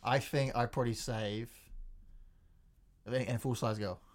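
Man, podcast co-host, dry wit, mid pitch, thinks aloud. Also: steady tone, normal speed. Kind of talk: casual chat.

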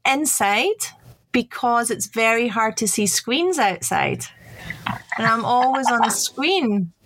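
A woman's voice: a little high, sing-song, slow, fairly bright tone. A middle-aged woman from Scotland with a Scottish accent, chatting upbeat as an interview guest and laughing often. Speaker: guest, chief digital officer. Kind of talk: casual interview chat.

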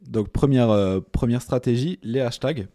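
A man hosting a casual podcast interview who asks relaxed, chatty questions and recaps the guest's points. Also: medium pitch, a little slow, a crowd in the background. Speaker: podcast host.

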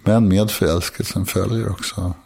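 A man in his sixties talking frankly and confessionally, halting often and restarting his sentences. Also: low voice, fairly even intonation, vocal fry, darkish tone, slight background noise. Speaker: guest. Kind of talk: candid personal conversation.

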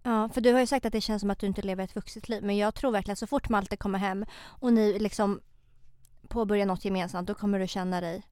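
A 23-year-old woman chatting as a podcast co-host, a lively storyteller quick with a joke. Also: medium pitch, clean tone, no echo, studio quality. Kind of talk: casual chat.

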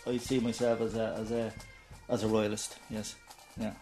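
A man with a Dublin accent answering interview questions, halting and repeating his words. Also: on the low side, little pitch movement, mellow, faint music behind. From Ireland. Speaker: interviewee, taxi driver.

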